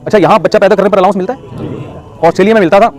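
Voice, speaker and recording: A middle-aged man delivering a sermon, animated and joking, asking the audience questions. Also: high voice, racing, faint music behind. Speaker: preacher.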